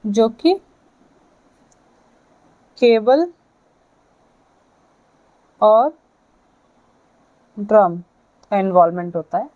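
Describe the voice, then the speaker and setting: A physiotherapy lecturer, a woman with an Indian accent, explains and dictates key points to students in halting, deliberate phrases, checking in often. Her medium-pitched voice is animated, and the audio is narrow and tinny.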